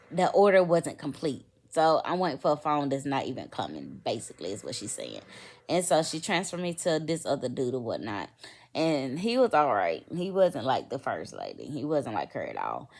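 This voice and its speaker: A middle-aged woman, venting in a rambling, sleepy casual storytime vlog. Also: a bass voice. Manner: rambling, venting, lots of fillers. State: sleepy, yawning. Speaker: vlogger.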